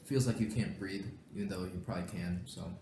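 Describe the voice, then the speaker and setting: Young adult man, lowish voice, relaxed mukbang chatter through mouthfuls, roomy echo, faint hiss behind. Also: fairly quick. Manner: talks while chewing, mouth full. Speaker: vlogger. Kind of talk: casual mukbang chat.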